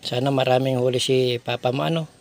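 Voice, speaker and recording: A man's voice: medium pitch, fairly even intonation, fairly quick, crowd noise. A man filming a casual vlog, coaxing children to speak with short repeated prompts. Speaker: vlogger visiting a needy family.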